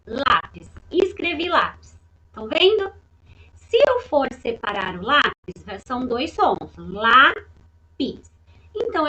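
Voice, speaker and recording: A woman teacher speaks in a high, bright voice, slowly and deliberately, to a class of young children in a recorded online lesson. She repeats words patiently and keeps checking that the children follow. The sound is muffled and lo-fi, like a simple home computer mic. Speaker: primary school teacher.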